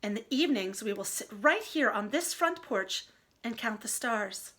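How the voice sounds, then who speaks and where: Storybook frog, male, played by a woman: cheerful, eager, very high, swooping, exclamatory delivery. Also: normal speed. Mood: bright coaxing. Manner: excited, exclamatory, coaxing.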